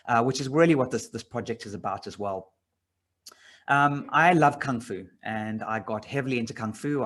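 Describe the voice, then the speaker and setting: A middle-aged man from South Africa talks through his slides in a casual, meandering way, full of ums and restarts. His voice sits a little low, and he sounds like he is speaking into a computer mic while sharing his screen. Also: fairly bright tone. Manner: rambling with frequent fillers and restarts. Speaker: business owner presenting a job opportunity.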